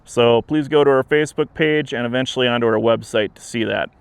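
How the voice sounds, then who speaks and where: An interim museum director gives an informal, plain-spoken, measured update to camera in a smooth, resonant voice of average pitch. He's outdoors beside a trail, with traffic and wind in the background. The sound is dry and open, with no room sound.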